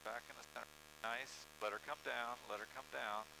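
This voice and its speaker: A man's voice: medium pitch, steady tone, fairly quick, creaky. A man, a student pilot, talking casually and calling out steps to himself in clipped phrases over an aircraft intercom. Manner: murmurs checklist steps aloud in clipped phrases. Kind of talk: casual chat and self-talk while flying. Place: inside a small aircraft. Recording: humming aircraft cockpit intercom, engine noise.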